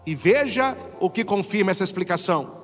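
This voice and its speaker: Lively high-voiced Brazilian priest preaching. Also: male voice, brisk, in a large hall, faint music behind. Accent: Brazilian Portuguese. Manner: animated preaching with rhetorical questions. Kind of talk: sermon.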